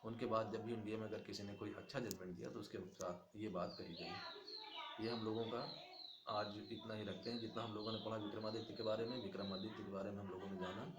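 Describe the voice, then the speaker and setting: Lowish man teaching, echoey room. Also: steady tone. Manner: reads English lines slowly, then explains each in Hindi. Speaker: English teacher. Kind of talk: classroom lesson explaining a text. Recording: echoey room, faint background noise.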